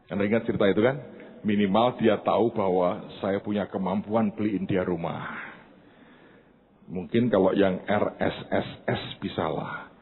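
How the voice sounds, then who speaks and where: A man pastor preaching a sermon in a church, telling a story in an animated way and speaking directly to the congregation. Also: fairly low pitch, normal speed, slightly rough. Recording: tinny phone-like sound.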